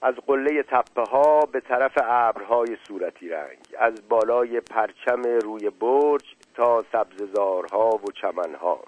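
Man, storybook narration, calm, even, mid-pitched voice. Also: poor audio.

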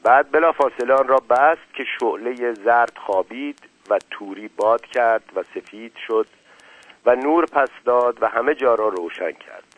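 Male narrator, steady storytelling, audiobook, narrow phone-line audio. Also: medium pitch, no echo. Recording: dry, phone-like narrow sound.

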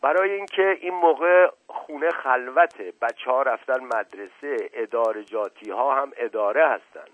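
A man's voice: hardly any pauses, no room sound, close to an everyday voice. A man voicing an old male household servant with a folksy, rambling way of talking, in a narrow tinny recording. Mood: confiding. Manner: folksy, rambling, raised high excited voice. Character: rustic old male servant, meddling and excitable. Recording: narrow tinny phone-like sound, dry.

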